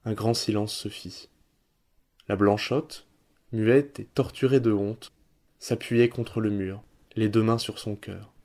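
A man reading a literary story aloud with measured, expressive narration. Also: fairly low pitch.

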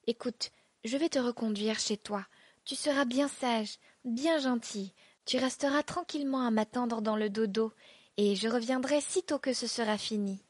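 A woman's voice: a little high, moderate pace, no echo, lightly acted. A woman reading aloud, voicing a young male artist who soothes and coaxes. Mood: coaxing. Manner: soothing, coaxing.

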